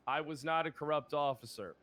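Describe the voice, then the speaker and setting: A man with a voice a little higher than average plays a cop testifying in an improvised role-play. He rambles defensively and repeats himself. His speech is casual and sweary. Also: a little fast, a bit bright, no echo. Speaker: role-player as a police officer witness.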